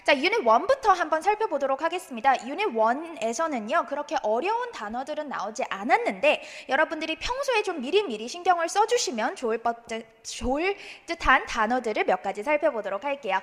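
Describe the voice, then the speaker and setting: A woman teacher giving a recorded exam-prep lecture, drilling English pronunciation by modeling words slowly and having students repeat. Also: high-pitched, sing-song, in a large hall. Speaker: English speaking test teacher.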